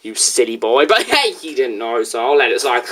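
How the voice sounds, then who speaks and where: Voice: medium pitch, moderate pace. Teen reviewer reacting to a vid, voice jumps all over the place, jokey and loose. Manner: animated, jokey, drops into mumbles and whispers. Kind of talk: casual reaction commentary.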